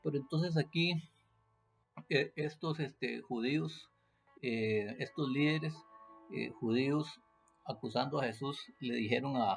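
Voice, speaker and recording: Man, teaching scripture off the cuff; rough fry in the voice, lots of fillers and restarts. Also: mid-range voice, unhurried, soft background music. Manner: hesitant, many fillers and restarts, rhetorical questions. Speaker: preacher. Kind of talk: unscripted Bible teaching.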